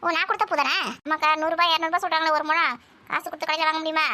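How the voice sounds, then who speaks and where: A woman rattles through village family banter at breakneck speed. Her voice sits very high and bright, and she scolds and nags in quick back-and-forth exchanges with the others in the household. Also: flat delivery, slight background noise. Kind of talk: acted everyday family banter.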